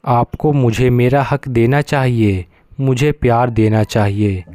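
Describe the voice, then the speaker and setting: A man's voice: mid-range voice, steady tone, slow, mellow, dry recording, close to an everyday voice. A man voicing a hurt, angry young man with a bitter, accusing manner, in a storybook reading.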